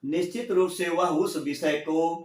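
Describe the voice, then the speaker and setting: A male teacher giving a grammar lesson to students, saying each example word slowly and repeating it, spelling out the vowel marks. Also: on the high side, distant mic. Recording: echoey room, voice from off the mic.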